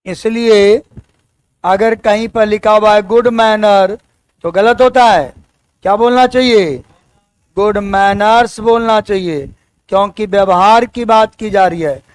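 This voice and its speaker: Slow, high-pitched male teacher. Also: smooth, no echo. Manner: slow, repeats key words and quizzes students. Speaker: English teacher. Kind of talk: exam-prep language lesson.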